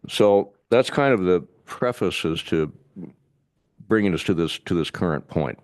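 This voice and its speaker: A man on city staff giving a measured, methodical briefing to a public board, now and then pausing to restart a phrase. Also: low voice, animated, dry recording, studio quality. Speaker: city staff presenter to an urban renewal board. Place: city board meeting room.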